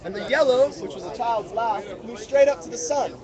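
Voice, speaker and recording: The recording is muffled: a man with an extremely high-pitched voice reads a story aloud at a moderate pace to a gathered group, pausing for them to fill in words. It was streamed live from outdoors on a mobile device, with music, crowd talk, and street sounds audible.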